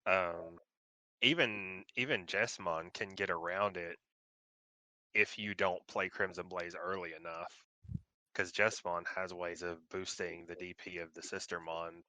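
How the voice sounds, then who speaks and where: Low bright-voiced man talking card games. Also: dry recording, poor audio. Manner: analytical, explains card rules. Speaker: podcast co-host. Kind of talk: casual card game chat.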